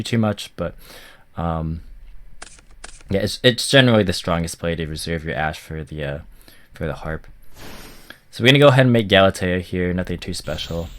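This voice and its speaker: Stuffy-voiced man rambling over gameplay. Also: sits low. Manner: rambling, full of ums and likes. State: stuffy, recovering from a cough. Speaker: card game commentator. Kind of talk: casual gameplay commentary.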